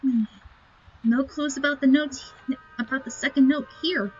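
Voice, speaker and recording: In her playthrough recording, a woman thinks aloud in short, musing comments while playing, her casual remarks set against game music in a muffled, lo-fi capture. Her voice sits high, with a darkish tone and fairly even intonation, and she takes her time.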